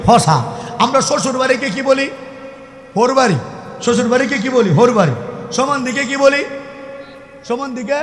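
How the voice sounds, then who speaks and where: High-voiced preacher guy from mymensingh, shouting at the crowd, big echoey hall. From Mymensingh region, Bangladesh. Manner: shouting, call-and-response questions to the audience. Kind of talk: Islamic sermon to a crowd.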